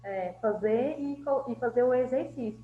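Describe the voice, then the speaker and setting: Mulher animada falando "gente", som com eco. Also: female voice, on the high side, normal speed. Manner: addresses the audience often as "gente", encouraging. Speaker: co-host of a therapy group. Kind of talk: live group session chat. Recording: lo-fi, roomy, faint hum.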